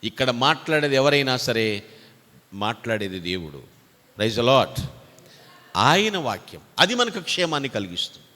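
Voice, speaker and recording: A male pastor delivering a sermon, swinging between loud exhortation and quiet asides. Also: mid-range voice, sing-song, unhurried, pauses often. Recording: reverberant hall.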